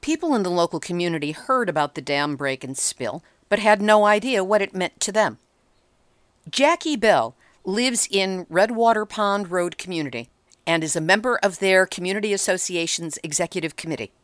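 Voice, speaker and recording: A woman reporter narrating a news feature in a measured, steady way. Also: fairly low pitch, dry recording. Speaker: radio reporter.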